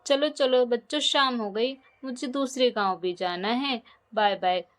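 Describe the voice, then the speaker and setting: A woman voicing a kindly grown man who gives children horse rides, talking gently and instructively. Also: on the high side, a little slow. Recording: dull lo-fi recording.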